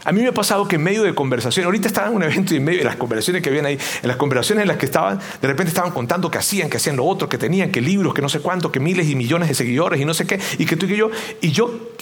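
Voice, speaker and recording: A man's voice: on the high side, racing, few pauses. A man preaching a sermon, firing rhetorical questions and acting out little dialogues. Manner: animated, rhetorical questions, acts out voices. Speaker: pastor.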